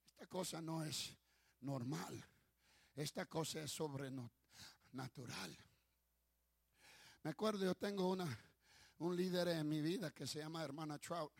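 A male pastor preaching with fervor, calling the congregation to applaud and retelling stories with many restarts. His voice is high and bright, with a heavy gravelly creak and a husky edge. The delivery is slow and deliberate. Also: dry recording, clean studio sound. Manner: fervent, calls for applause; storytelling with restarts. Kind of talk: sermon.

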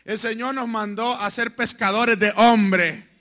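A male pastor preaching a fervent sermon from a church pulpit, moving between hushed asides and shouted lines. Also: sits high, steady tone, a little slow.

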